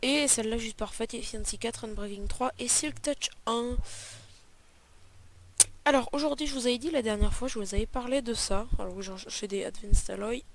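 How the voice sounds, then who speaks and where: A woman's voice: fairly high pitch, a little hiss or hum. A woman hosting a let's play, talking casually and rambling through her gameplay, with frequent fillers and self-corrections.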